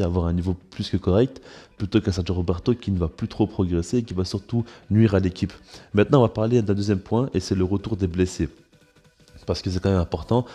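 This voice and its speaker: A man's voice: deep voice, mellow. A man with a congested, blocked-nose sound gives informal, opinionated football commentary as a channel host, repeating words for emphasis.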